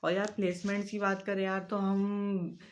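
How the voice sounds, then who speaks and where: Soft-spoken young man vlogging. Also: sits high, monotone, normal speed. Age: young adult. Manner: soft-spoken, rambling, with frequent fillers. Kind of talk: casual vlog talk to camera.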